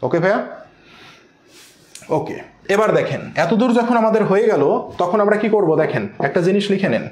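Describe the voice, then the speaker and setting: High-voiced teacher in an echoey room. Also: male voice, sing-song, fairly quick, darkish tone, slight background noise. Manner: repetitive, asks rhetorical questions and answers them; addresses students as brother. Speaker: accounting teacher. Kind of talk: online class lecture.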